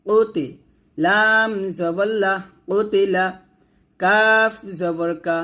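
A man's voice: high-pitched, fairly even intonation, extremely slow, pushed and bright. A man with a Bangladeshi accent teaching Quran reading, spelling each Arabic letter with its vowel mark and then blending the syllables into words. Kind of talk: slow spelled-out recitation lesson.

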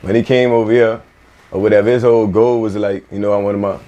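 A young Bahamian man talking in a casual interview in a small music studio, relaxed and loose, full of fillers and repeated words. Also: fairly low pitch, quick pace, dull audio. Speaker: guest, record label owner.

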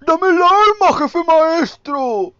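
A man doing a squeaky frantic dub soldier, shrieking way up high in overblown mockery on a dull lo-fi recording. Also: flat delivery, drawn-out words, no echo, heavily acted. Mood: mocking shouts. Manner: overblown shouting parody. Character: shrill mocking dubbed space soldier, male adult, frantic.

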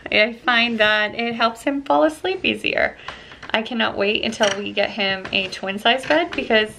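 A woman's voice: fairly high pitch, normal speed, creaky, sharp tone, a little hiss or hum. A woman filming a casual home vlog, talking chattily to the camera and coaxing her toddler in a sing-song way. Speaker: mom vlogger.

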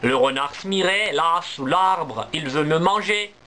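A man's voice: fairly high pitch, takes it slowly, bright, forceful tone, a little hiss or hum. A man voicing a tiny, shrunken boy who speaks politely and earnestly.

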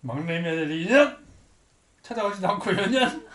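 Man putting on a shrill scolding old mother-in-law. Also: lively intonation, normal speed, a bit bright, reverberant, distant mic. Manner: shrill repeated scolding cries. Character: scolding elderly mother-in-law, sharp-tongued.

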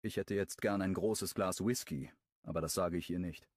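A man narrating a romance audiobook in first person, telling the story in a lively way. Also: sits low, moderate pace, no echo, clean studio sound. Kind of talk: scripted narration.

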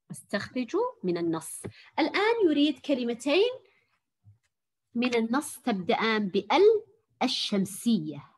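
A woman teaching a lesson to young girls, praising each answer and sounding out words slowly. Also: medium pitch. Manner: warm praising teacher, drawn-out encouraging words. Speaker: primary school teacher. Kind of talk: online Arabic language lesson for young girls.

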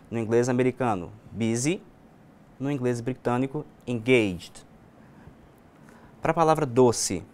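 Brazilian man teaching an online English class. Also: mid-range voice. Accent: Brazilian Portuguese. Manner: explanatory, models English words slowly. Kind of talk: recorded online class lecture.

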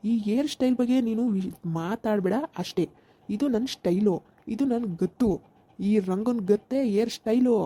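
A woman's voice: on the high side, normal speed, warm tone, natural voice. A woman playing a cocky young village son who boasts and begs his mother for money in a comedy skit. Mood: swaggering. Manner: swaggering, boastful, wheedling for money.

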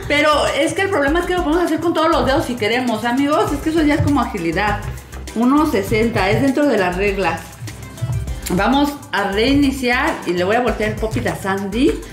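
A woman hosting a toy channel in a casual, playful way, with a bright, sing-song, excitable delivery. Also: on the high side, a little fast. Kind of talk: casual playful presenting to camera. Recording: roomy echo, music underneath. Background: background music.

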